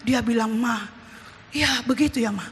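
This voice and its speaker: A woman's voice: a little high, normal speed. A middle-aged woman pastor, preaching emphatically and often calling out to the congregation. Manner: emphatic, repeats "saudara", bursts into shouting. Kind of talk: church sermon. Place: church sanctuary. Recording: reverberant church hall.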